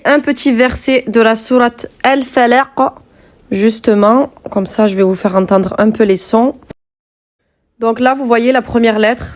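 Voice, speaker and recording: A woman teaching Quranic letters step by step, patient and clear, spelling out sounds slowly and distinctly. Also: on the high side.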